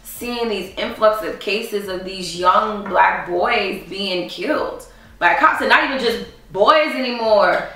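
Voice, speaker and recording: A woman's voice: mid-range voice, slow, pushed and bright. Earnest woman co-host, echoey room. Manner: earnest, chiming in with agreement. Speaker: podcast co-host. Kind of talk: casual chat. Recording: echoey room, mic far off.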